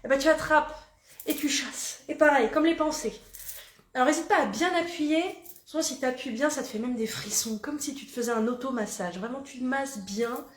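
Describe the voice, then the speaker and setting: A woman's voice: high-pitched, moderate pace, echoey room, a little hiss or hum. A woman body coach guiding a morning self-massage routine in a chatty, playful way, laughing at herself, with a put-on southern French accent.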